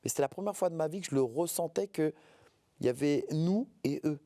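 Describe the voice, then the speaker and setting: A man's voice: fairly high pitch, fairly quick, mellow, dry recording, clean studio sound. A man in his forties from the Paris suburbs, speaking earnestly as an interview guest, often hesitating and repeating words. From France, Paris suburbs. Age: 40s.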